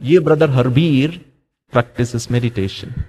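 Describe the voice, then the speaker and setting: A middle-aged spiritual speaker delivers a motivational talk in Hindi mixed with English, posing rhetorical questions and acting out the voices in his stories. He speaks extremely slowly in a mid-range, slightly mellow voice.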